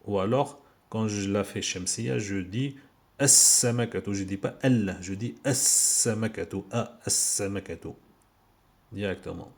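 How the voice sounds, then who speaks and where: A man's voice: on the low side, moderate pace, vocal fry, a little mellow. A man giving an informal video lesson on Arabic letters, patiently repeating words for learners, recorded on a handheld phone. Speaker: Arabic teacher.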